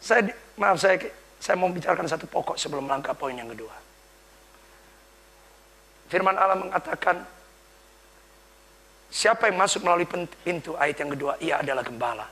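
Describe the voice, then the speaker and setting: A man preaches with a high, bright voice and a gravelly edge. He tells the story with drama, dropping to a hushed whisper one moment and shouting the next. The delivery is a full church sermon. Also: expressive, normal speed, long pauses. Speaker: pastor.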